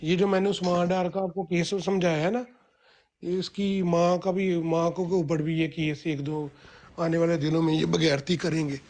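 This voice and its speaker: A man's voice: a little high, little pitch movement, normal speed, a little mellow. A man in rambling, heated political commentary on a group call, full of restarts and fillers.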